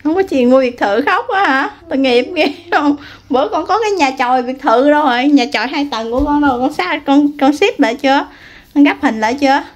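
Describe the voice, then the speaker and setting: A woman's voice: high voice, expressive, brisk. A woman, a mother chatting casually while filming her family, teasing and coaxing her child. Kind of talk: casual family vlog chat.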